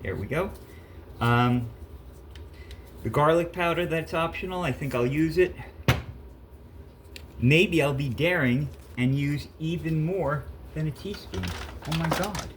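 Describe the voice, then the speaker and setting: This home cook vlogger, a man in his fifties, sounds stuffed up with a cold as he rambles, chats, and corrects himself while cooking at home for a casual vlog. He speaks a little slowly in a fairly high voice, leaving long pauses, against a noisy background.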